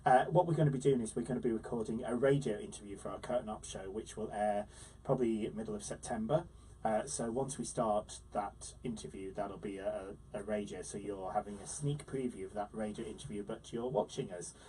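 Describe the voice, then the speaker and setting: A man's voice: on the low side, fairly even intonation, a little fast, dark tone, distant mic, a little hiss or hum, poor audio. Chatty male theatre show host. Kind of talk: hosting a podcast interview. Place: studio in New York.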